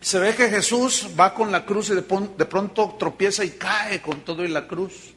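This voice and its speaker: A middle-aged pastor tells a scripture story in a sermon and acts it out in an animated way. His voice sits high for a man, and it is bright and forceful. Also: normal speed. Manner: animated storytelling, acting out dialogue.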